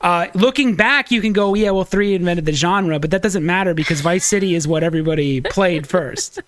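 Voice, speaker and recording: A man's voice: high-pitched, fairly quick, fairly bright tone, a little hiss or hum. A man in his thirties, co-host of a casual podcast, arguing his point heatedly and swearing freely. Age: 30s.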